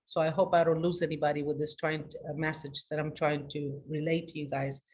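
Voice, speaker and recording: A woman who works as a life coach is giving a live motivational talk to her online group, speaking with energy and emphasis and restarting often. She swings from loud greetings to a soft, confiding tone. Her voice sits low, and her delivery is flat and fairly quick.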